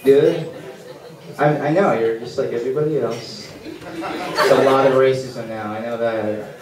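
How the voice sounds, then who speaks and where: A man's voice: medium pitch, steady tone, measured pace, over a noisy crowd. A man doing a rambling, awkward, self-deprecating stand-up set on a comedy club stage. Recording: echoey club room, mic far off, loud hiss.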